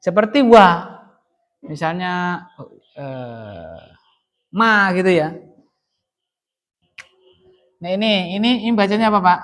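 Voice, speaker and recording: A man's voice: high voice, lively intonation, takes it slowly, pauses often, a bit bright. A man with a Javanese accent teaching Arabic grammar in a classroom, explaining patiently and quizzing his students with frequent questions. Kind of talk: classroom lesson.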